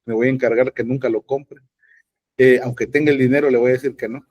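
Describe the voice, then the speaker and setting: A man's voice: mid-range voice, steady tone, quick pace, darkish tone, dry recording, studio quality. A man with a Salvadoran accent teaching podcast acting in an online class, blunt and joking with emphatic advice. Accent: Salvadoran Spanish. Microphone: video call.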